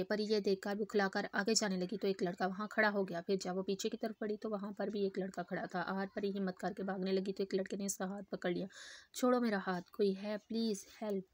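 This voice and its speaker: A woman reading a romance novel aloud in a steady, even storytelling voice. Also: mid-range voice, no echo. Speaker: novel reader.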